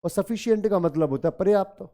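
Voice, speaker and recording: Hindi accent guy teaching a class, pretty high pitched, warm dark tone, says everything twice. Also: fast. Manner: addresses students as children, repeats key words. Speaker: English teacher. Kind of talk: classroom lesson explaining vocabulary.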